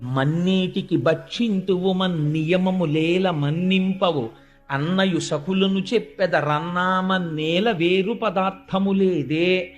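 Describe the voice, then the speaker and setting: Stern chiding mother voiced by a male storyteller, slow, weighty, slightly lowered voice. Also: soft background music, natural voice. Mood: scolding. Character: scolding mother, stern adult woman.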